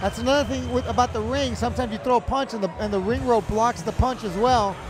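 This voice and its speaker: A man's voice: extremely high pitch, steady tone, quick pace. A man giving conversational, emphatic color commentary on an MMA fight, often repeating himself. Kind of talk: live MMA analysis, conversational. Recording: crowd and music behind.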